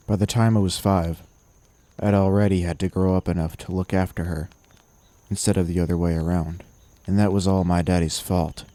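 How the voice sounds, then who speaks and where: A man narrating a horror audio story in first person, his voice deep and dark. His delivery is measured and gritty, and the sound is dry and close to the mic. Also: dry recording.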